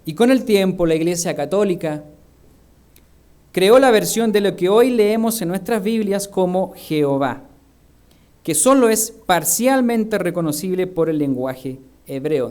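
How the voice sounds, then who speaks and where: A man's voice: high voice, animated, a little slow, a little mellow. A male minister with a Chilean Spanish accent, preaching a sermon full of rhetorical questions. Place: church.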